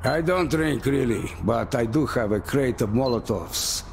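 A weary old engineer with a bad knee. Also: male voice, medium pitch, lively intonation, a little slow, gravelly, a little hiss or hum. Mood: grumbling. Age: older. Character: aging gruff male engineer with a bad knee. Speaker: game character.

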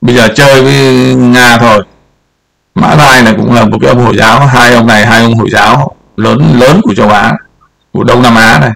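A man's voice: medium pitch, steady tone, fairly quick, creaky, fairly bright tone. An older man giving casual political commentary over a map, rambling and repeating words as he points things out.

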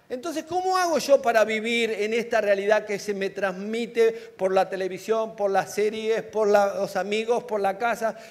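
A male pastor with an Argentine Rioplatense accent, preaching a sermon to a congregation in an animated, humorous way and acting out little dialogues. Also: very high voice. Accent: Argentine Rioplatense Spanish.

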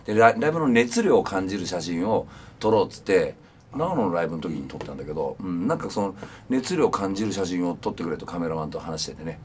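Male punk singer, 50s, lower pitch, animated and fast, reflective chat. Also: slight background noise. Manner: relaxed, reflective, many fillers. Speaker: punk band vocalist. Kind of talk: casual interview chat.

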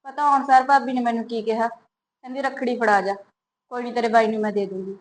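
A woman's voice: a little high, steady tone, quick pace, a little hiss or hum, lightly acted. An actress with a Punjabi accent playing a hurt, proud young married woman who complains and pushes back.

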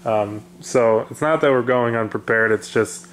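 A man casually chatting about his off-road gear, relaxed and rambling with lots of fillers. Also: medium pitch, a little slow. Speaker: off-road video host. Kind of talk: casual garage chat. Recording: echoey room with faint noise.

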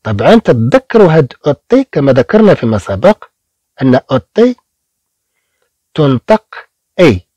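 A man teaches beginner French, breaking words into slow, drawn-out syllables. His voice is mellow and a little husky, with a lively rise and fall. The sound is dry and close. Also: medium pitch, no room sound.

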